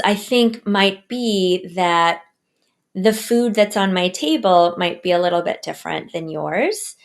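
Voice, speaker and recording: An unhurried woman talks as a guest author, answering earnestly and with care. Her phrasing is measured, with small pauses and restarts as she thinks. Her pitch sits in a middle register. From United States. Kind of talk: interview answers.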